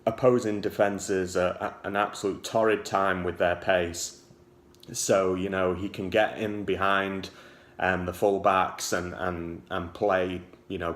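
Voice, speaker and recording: A man's voice: low-pitched, fairly bright tone. A man in his forties with a Liverpool-area accent, giving casual fan commentary with many ums and restarts. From England. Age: 40s. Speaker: football fan vlogger.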